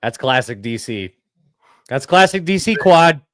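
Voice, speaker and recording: A man's voice: medium pitch, lively intonation, unhurried, fairly bright tone, no echo, studio quality. A man from Maryland, co-hosting a podcast in blunt, casual chat. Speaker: podcast co-host.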